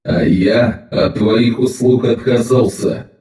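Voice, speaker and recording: A man voicing a cold, vengeful male sorcerer whose voice booms with a grating, clanging metallic echo. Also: fairly even intonation, slow, warm tone. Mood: menacing. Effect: booming, echoing metallic voice. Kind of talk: audiobook character reading.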